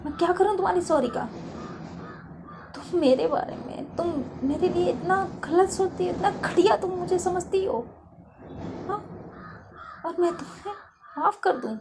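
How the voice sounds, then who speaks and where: A woman voicing an indignant schoolgirl who is hurt by an accusation, with high, tearful outbursts. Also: moderate pace, pauses often, background noise. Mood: scornful. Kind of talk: dramatic Hindi story reading.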